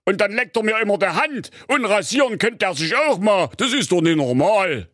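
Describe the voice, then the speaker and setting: A man's voice: sits high, expressive, normal speed, fairly bright tone, no room sound, studio quality, voice pushed up. A man voicing a fussy, gossipy old king who grumbles at length in a comic storybook reading. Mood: complaining. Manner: complaining, chatty.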